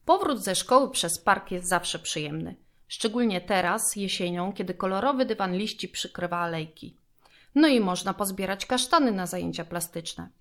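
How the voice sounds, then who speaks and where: A woman, a police officer, reading a children's safety story aloud in a clear, expressive voice. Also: mid-range voice, normal speed.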